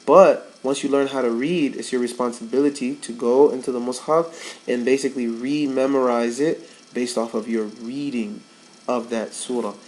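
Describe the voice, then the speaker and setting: A man's voice: medium pitch, steady tone, moderate pace, a little mellow, poor audio. A man giving a casual tajweed lesson as a Quran recitation teacher, repeating words for emphasis.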